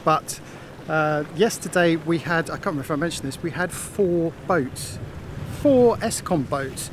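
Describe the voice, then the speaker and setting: A man with a fairly high voice films himself on a phone held at arm's length on the deck of a sailboat at sea, speaking at a measured pace. His casual vlog narration is chatty and rambling with fillers, with wind, waves and boat noise all around.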